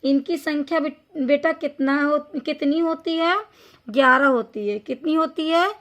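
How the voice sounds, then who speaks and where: A woman's voice: sits high, unhurried, fairly bright tone. A woman teacher giving a Hindi grammar lesson, patiently repeating each point and addressing the listener as a child.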